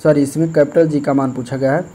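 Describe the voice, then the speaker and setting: A man tutoring for an exam works step by step through practice test questions, his voice fairly high, quick, and slightly rough. His explanations are steady, full of fillers, and he keeps checking in with "okay", repeating "ठीक है".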